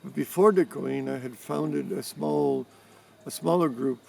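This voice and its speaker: Gravelly-voiced older man in his seventies. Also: a little high, warm tone. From Cuba. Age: 70s. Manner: measured explaining with frequent pauses and restarts. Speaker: interviewee, environmental activist. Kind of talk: casual interview answers. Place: rural farm in mountains. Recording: distant mic with faint background noise.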